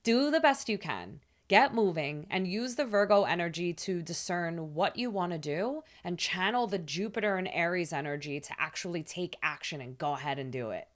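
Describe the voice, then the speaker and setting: A woman with a low voice talks gently and soothingly, the way a spiritual host speaks to her followers. Her speech is relaxed and loose, with casual fillers here and there. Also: moderate pace, few pauses. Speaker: spiritual astrology channel host. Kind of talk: gentle spiritual talk to camera.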